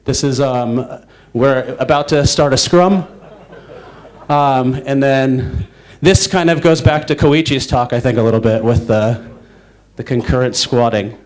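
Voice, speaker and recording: A man's voice: medium pitch, fairly even intonation, a little slow, a little mellow. A young man from the northwestern United States giving a casual conference talk on stage, rambling with lots of fillers and restarts. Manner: rambling, filler-heavy, self-interrupting. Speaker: conference speaker.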